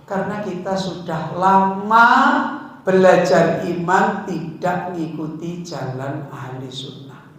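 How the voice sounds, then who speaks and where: A man's voice: high-pitched, slow. A male Islamic teacher giving a study-circle sermon in a conversational way, often asking his listeners questions. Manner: conversational, asks the audience questions, mixes in Javanese words. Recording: very echoey room, voice far from the mic.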